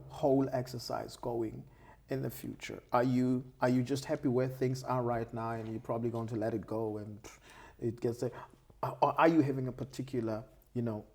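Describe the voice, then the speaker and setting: An interview host with a dark, husky voice. The delivery is conversational and appreciative, with unhurried phrasing. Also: medium pitch.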